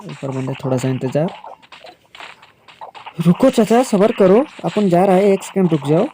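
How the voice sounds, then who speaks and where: Young man, game commentary, excitable, frequent exclamations, mellow tone, faint background hiss. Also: high voice, normal speed. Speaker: gaming YouTuber. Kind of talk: live gameplay commentary.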